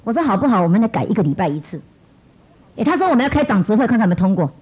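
A woman preacher telling testimonies in a sermon, animated and repeating her phrases as she goes. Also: mid-range voice, very fast, husky. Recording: muffled lo-fi recording.

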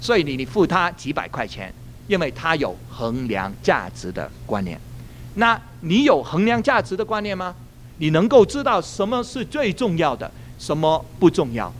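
Lively, animated male pastor preaching. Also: a little high, normal speed, slight background noise. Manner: animated storytelling, laughs at his own jokes. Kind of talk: sermon with a retold story.

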